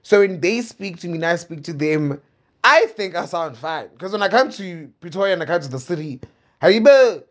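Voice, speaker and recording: In a relaxed, confessional podcast monologue, a twenty-something Pedi speaker from suburban Centurion, South Africa, talks candidly about his life, tossing in playful asides. He sounds slightly high-pitched, expressive and fairly bright, moving at a brisk clip, though the audio is dull.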